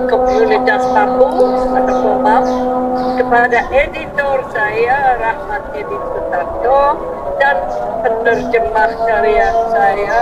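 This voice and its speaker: Older female foreigner speaking Indonesian, foreign accent, stiff and halting, slow semi-formal address, rather high voice. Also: very noisy. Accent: foreign, non-Indonesian. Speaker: author and translator speaking at a book discussion. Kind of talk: prepared thank-you speech, semi-formal.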